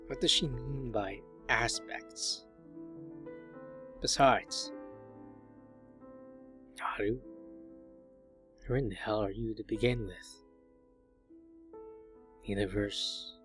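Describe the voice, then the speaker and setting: A man narrating a visual novel playthrough, reading the game text aloud in a plain, measured way. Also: lowish voice, fairly even intonation. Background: soft piano music.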